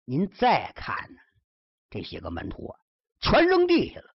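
Female storyteller; low, husky, highly animated pitch, chatty asides; dry, dull sound. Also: moderate pace, dry recording. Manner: lively, chatty asides to the listener with rhymed verse closings. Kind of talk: traditional storytelling narration.

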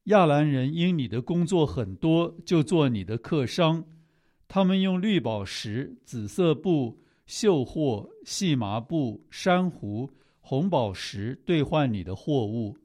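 A man reading scripture aloud in a steady, measured way. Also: fairly high pitch. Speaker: scripture reader.

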